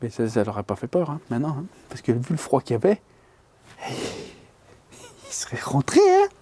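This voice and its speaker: A man's voice: medium pitch, huge pitch swings, fast talker, dark tone. A man casually telling a scary fishing-trip anecdote, rambling and colloquial with lots of fillers, sometimes dropping to a whisper. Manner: drops to whispers at tense moments. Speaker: angler telling a story.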